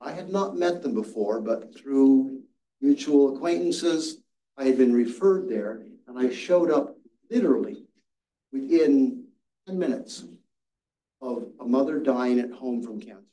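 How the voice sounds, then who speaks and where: An older man teaching Sabbath school Bible study speaks in a medium-pitched, mellow, animated voice at a measured pace, earnestly telling a story and restarting his words often. The distant recording carries the echo of a church classroom with seated listeners.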